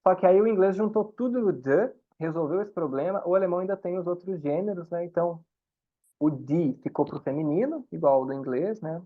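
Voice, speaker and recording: A man's voice: sits high, fairly quick. A man leads an online German lesson. He explains each rule patiently and keeps asking the students whether they follow. His voice comes through dull, lo-fi video-call audio. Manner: patient, explains with frequent checks to the class. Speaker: German teacher.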